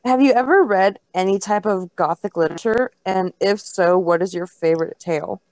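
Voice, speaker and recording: A woman's voice: mid-range voice, normal speed, a little mellow, no echo. A young woman co-hosting a casual podcast, blunt and laughing a lot, swearing freely. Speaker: podcast co-host. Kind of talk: casual chat.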